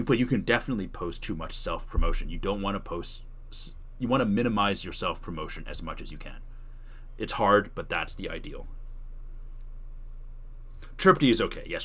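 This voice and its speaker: A man's voice: sits low, a bit bright. A man talking casually on a livestream, answering questions as he thinks aloud and rephrases. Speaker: streamer giving tutorial and answering chat questions.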